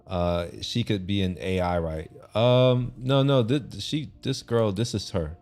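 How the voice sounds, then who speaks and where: Over soft background music, a young streamer from Texas, USA, speaks a little slowly in a lowish voice with a darkish tone. The talk is loose, casual chat, with frequent restarts and casual cursing.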